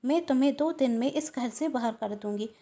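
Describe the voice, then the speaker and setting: A scheming, bossy married woman, put on by a woman storyteller, barks orders in a sharp, commanding tone. Her voice sits high. She is the schemer of a spoken family story. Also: a little fast.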